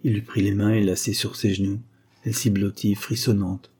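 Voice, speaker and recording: A man narrating a classic novella as an audiobook in a measured, expressive way. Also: fairly low pitch, breathy edge.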